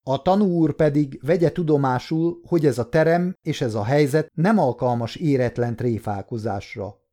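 A man's voice: mid-range voice, mellow, pitched above the performer's own voice, natural voice. A man voicing a firm, dryly humorous male judge presiding over a trial in an audiobook story. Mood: stern. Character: stern but dry-witted male judge.

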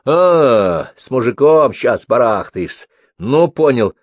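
A man's voice: medium pitch, sing-song, takes it slowly, no echo, pitched above the performer's own voice. A male audiobook reader voicing a coarse, sniffling middle-aged gang boss who grumbles down the phone. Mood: gruff.

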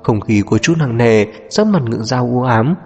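A man narrating an audiobook novel in a steady, even storytelling manner. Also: mid-range voice, moderate pace, husky, lo-fi sound. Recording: long reverb with background music.

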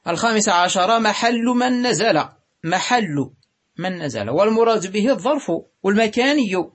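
A grammar teacher working slowly through a classical text, stretching words out and stopping to hesitate now and then. His voice sits high for a man and has a husky edge. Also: animated. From Morocco. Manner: slow and deliberate, drawing out words, with pauses and hesitations. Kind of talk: reading and explaining a grammar text.

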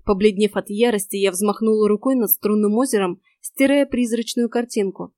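A woman narrates a first-person audiobook in a steady, expressive way. Her voice is mid-pitched and sits close to the mic. The sound is dry, with no room around it. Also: normal speed, no echo.

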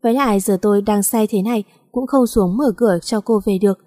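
A woman's voice: medium pitch, brisk, mellow, studio quality, natural voice. A woman voicing a bossy, teasing male company director who talks in a curt, mocking way. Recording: long echoing reverb.

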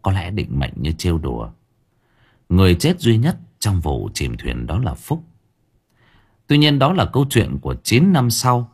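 A man narrating an audiobook in a lively, expressive storytelling manner. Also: deep voice, normal speed, husky.

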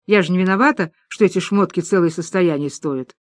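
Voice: medium pitch, fairly quick, no echo, natural voice. A narrator voicing a bossy woman who leads her group of friends and gives blunt orders. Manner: commanding, blunt.

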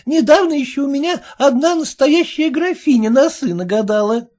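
A woman's voice: high-pitched, moderate pace, warm tone, voice pushed up, natural voice. A woman voicing a fawning, chatty middle-aged peddler woman in an audiobook, with a wheedling sing-song manner. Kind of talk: audiobook reading.

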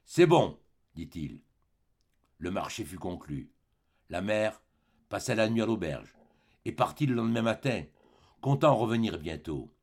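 Husky man narrating a classic novel. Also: on the low side, moderate pace, long pauses. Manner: expressive, dramatic reading. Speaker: audiobook reader. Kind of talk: scripted narration.

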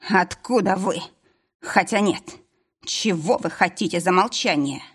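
A woman's voice: on the low side, unhurried, slightly rough. A woman voicing a proud, bitter male healer who hisses his words through clenched teeth, in an audiobook. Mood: guarded. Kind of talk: audiobook character voice.

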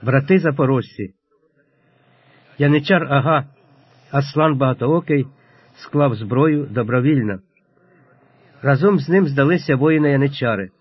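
A man voicing a young male Cossack colonel, measured and persuasive, read in a husky voice on a lo-fi recording. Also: mid-range voice, no echo. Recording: lo-fi dull audio.

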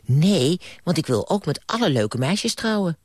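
Man voicing a fame-hungry young man, squeaky and whiny, bedtime-story radio reading. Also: a little slow, dry recording, studio quality. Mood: eager. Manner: high excited voice, whiny and pleading. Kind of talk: column read aloud as a bedtime story.

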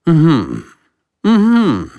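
A man voicing a pompous old king in a storybook, giving loud commands. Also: mid-range voice, very animated, measured pace, no echo, dull audio, pitched above the performer's own voice. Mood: commanding. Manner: commanding, declaiming orders. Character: pompous old king, bossy but kindly.

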